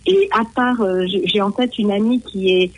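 Middle-aged woman from France, casual chat, husky tone, hesitant with lots of fillers. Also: mid-range voice, normal speed, rough recording. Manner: chatty, hesitant, frequent fillers and restarts. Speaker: French woman living in New Zealand. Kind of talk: casual conversation.

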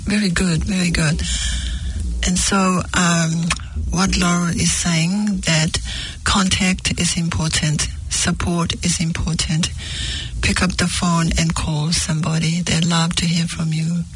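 A woman radio host speaks in a husky voice. Her pitch moves little, yet her wording is effusive, addressing guest and listeners directly and repeating phrases for emphasis. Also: flat delivery, slow pace, low-quality recording.

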